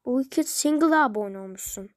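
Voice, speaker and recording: A woman talks casually to her viewers in a high voice, rambling and grumbling with exasperation. The sound is dry and close, with no room around it. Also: animated, moderate pace, no room sound. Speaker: video creator.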